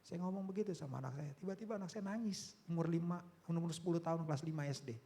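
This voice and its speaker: A middle-aged Indonesian man preaching a youth sermon, telling a personal story and rising to loud, emotional peaks. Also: on the high side, fast talker. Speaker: youth pastor.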